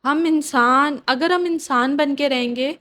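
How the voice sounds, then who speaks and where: Podcast guest: young adult woman, high-pitched, frank and opinionated, casual. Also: fairly bright tone. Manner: opinionated, mixes in English words. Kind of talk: casual chat.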